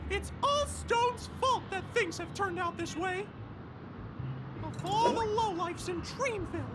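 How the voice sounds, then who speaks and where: Casting: tiny animated clock mascot for a game. Extremely high voice, excitable, pleading, showy, over a music bed. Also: female voice. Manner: theatrical, exclamatory, catchphrase-spouting. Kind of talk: animated video game character acting. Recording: music under the voice.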